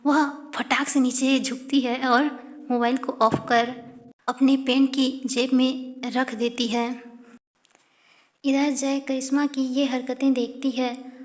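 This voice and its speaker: A woman narrating an audio story in a slow, conversational way, adding quick asides. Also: high voice, level tone, long reverb tail.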